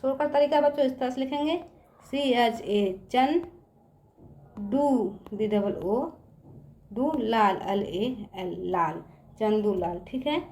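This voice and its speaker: A woman's voice: a little high, slow pace, pauses often, a little mellow, roomy sound. A woman teaching children a spelling lesson. She spells words out letter by letter and keeps checking whether the children have understood.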